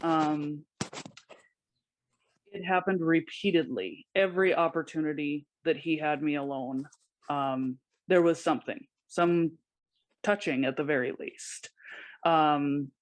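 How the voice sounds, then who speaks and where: A woman guest on a podcast, giving personal testimony in a halting way, with many pauses and restarts. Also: sits low, steady tone, no echo.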